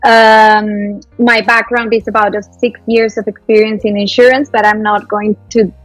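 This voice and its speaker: A woman's voice: medium pitch, little pitch movement, normal speed, no room sound, faint music behind, low-quality recording. A woman from Peru, a podcast guest chatting casually and laughing often. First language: Spanish.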